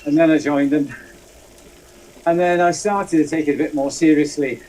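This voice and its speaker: A man's voice: on the high side, fairly even intonation, moderate pace, dark tone, rough recording. A man, telling rambling, self-deprecating stories in a casual chat. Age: 60s. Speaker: guest. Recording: faint background noise.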